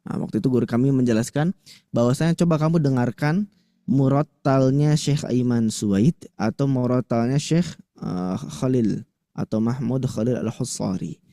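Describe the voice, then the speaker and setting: A man teaching Quran recitation to women in a lively, chatty way, slowly demonstrating letter sounds. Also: mid-range voice, no room sound, studio quality. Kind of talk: tajwid lesson to women listeners.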